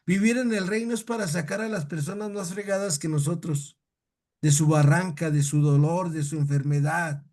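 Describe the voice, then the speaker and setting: A man's voice: fairly high pitch, normal speed, darkish tone. A man with a Mexican Spanish accent leading an informal Bible class, chatty, often repeating himself and checking in with his listeners. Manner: chatty, repeats words, tells jokes, asks "¿sale?". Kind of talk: informal religious lesson.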